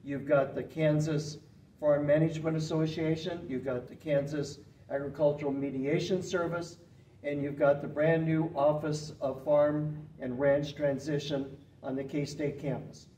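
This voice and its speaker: An older man speaking as a guest expert in an interview, explaining in an earnest, emphatic and steady way, seated in a small indoor studio room. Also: fairly high pitch, a little slow. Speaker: retired farm management professor, guest expert. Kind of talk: interview answers. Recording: roomy, slightly distant, faint hiss.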